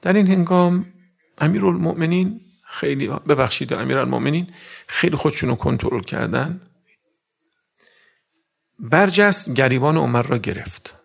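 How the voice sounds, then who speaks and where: A man preaching a mourning sermon, retelling events with dramatic swings from hushed whispers to loud cries and speaking directly to his listeners. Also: a little high, lively intonation, creaky, long pauses.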